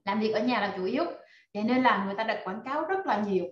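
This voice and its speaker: A woman's voice: a little high, lively intonation, rapid-fire. A woman teaching a live online class over a video call, rallying her students with lots of fillers. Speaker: online course instructor. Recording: echoey, dull video-call audio.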